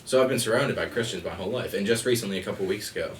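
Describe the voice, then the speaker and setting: A young man with a very deep voice, speaking earnestly and thoughtfully in a casual podcast chat. He sits back from the mic, so the echo of the room comes through, along with a faint hiss. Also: racing. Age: young adult. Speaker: podcast co-host. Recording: echoey room, mic at a distance, faint noise.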